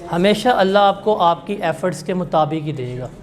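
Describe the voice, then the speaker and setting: A man's voice: high voice, expressive, a little fast. A male teacher giving a classroom lecture in a blunt, scolding, emphatic way.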